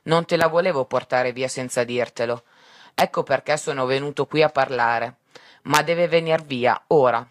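Death, calm and courteous, as a male reader puts him on. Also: mid-range voice, normal speed, no room sound, clean studio sound, natural voice. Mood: patient. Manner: calm, patient, reasoning.

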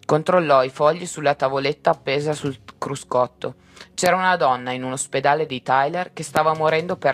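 A man reading a story aloud in a measured, unhurried way. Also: mid-range voice, a bit bright.

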